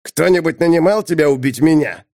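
A sneering necromancer mocks in a raised, contemptuous voice, as a man puts him on. His scorn is steady, an audiobook character in a dry recording. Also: fairly high pitch, brisk, creaky, no echo, pitched above the performer's own voice. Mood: mocking. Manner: mocking, contemptuous.

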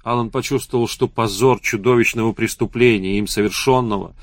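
A man tells a novel in a measured, even narrating voice of middle pitch. The recording is close and dry, with no room echo. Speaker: audiobook narrator. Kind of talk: scripted audiobook narration.

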